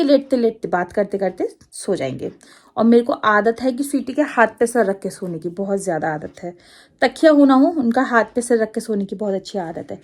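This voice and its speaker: A woman with an Agra-region Hindi accent talks to her camera in a loose, rambling vlog. Her voice sits somewhat high, and she drifts from point to point, laughing easily. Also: darkish tone. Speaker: vlogger. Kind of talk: casual chat to camera.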